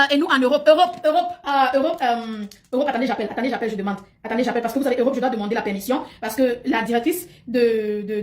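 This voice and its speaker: A woman hosting a casual livestream chat in an emphatic, talkative way, often repeating her phrases. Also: fairly high pitch. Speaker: livestream host.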